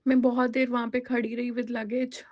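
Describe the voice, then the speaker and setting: A woman's voice: fairly high pitch, level tone, normal speed, dull audio. A woman telling a personal devotional testimony in a conversational way, slipping English words into her talk with many fillers.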